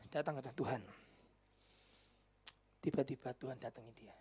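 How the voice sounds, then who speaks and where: A man, a pastor preaching a sermon and telling a story. He drops to a whisper when quoting people and rises to loud exclamations. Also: medium pitch, normal speed. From Indonesia. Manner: mixes in Javanese words. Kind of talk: sermon with acted-out dialogue.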